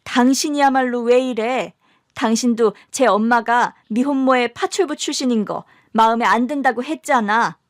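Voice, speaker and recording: A woman's voice: a little high, normal speed, no echo, studio quality, natural voice. Woman doing a haughty rich mother-in-law. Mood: indignant. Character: haughty rich middle-aged woman, scornful.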